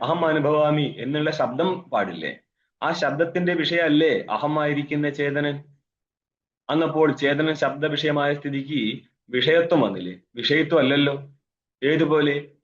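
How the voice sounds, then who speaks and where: A man's voice: fairly high pitch, muffled recording. A man teaching a scripture class as a swami, explaining by asking questions and answering them himself, with Sanskrit recitation and wry asides. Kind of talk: philosophy class lecture. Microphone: online video call.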